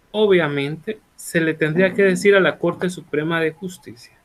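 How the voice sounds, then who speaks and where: A man teaching a law class in a relaxed, conversational way, asking rhetorical questions and correcting himself as he goes. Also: high voice. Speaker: law lecturer. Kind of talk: online law class lecture.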